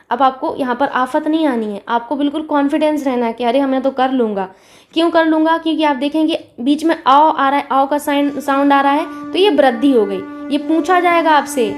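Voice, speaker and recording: A woman teacher giving an exam-prep grammar lesson, patient and repetitive, talking straight to her students. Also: sits high.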